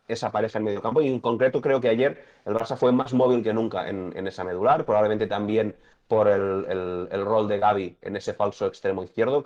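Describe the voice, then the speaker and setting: A man with a Spanish accent, a football pundit talking in a measured, thoughtful way on a sports talk show. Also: lowish voice, darkish tone. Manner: measured, thoughtful, builds points slowly. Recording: dull lo-fi sound.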